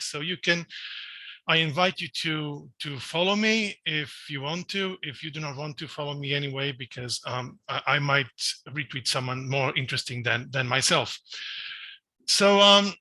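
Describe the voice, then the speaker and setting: A man's voice: a little high, bright, forceful tone, dry recording, low-quality recording. A man from Portugal, giving an online conference talk in a self-deprecating way, often restarting his sentences. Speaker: invited speaker.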